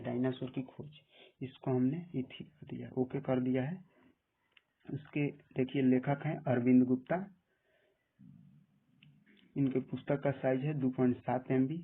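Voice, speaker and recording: Tutorial presenter: husky man, flat delivery, tinny phone-like audio, plain step-by-step walkthrough. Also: mid-range voice. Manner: plain step-by-step instructions, often saying "dekhiye". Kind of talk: screen-recorded app tutorial.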